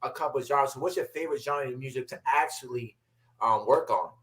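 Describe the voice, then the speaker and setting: A man's voice: mid-range voice, brisk, fairly bright tone. A man co-hosting a casual interview, asking direct questions in a conversational way. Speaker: co-host.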